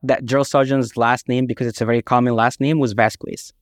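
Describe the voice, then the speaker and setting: A man from Egypt, a guest author telling emphatic, animated anecdotes in a casual interview. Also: medium pitch, fairly quick, dry recording, studio quality. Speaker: guest, author and army veteran.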